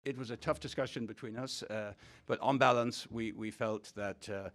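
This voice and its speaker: A man's voice: on the low side, fairly even intonation, normal speed, fairly bright tone, no echo. A man acting as a panel judge, giving unscripted feedback to presenters.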